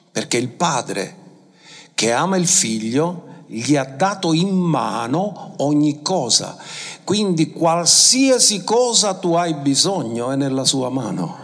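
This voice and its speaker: A man's voice: mid-range voice, long reverb tail. A man preaching a sermon to a congregation, emphatic, quoting scripture and asking the listeners questions. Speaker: pastor.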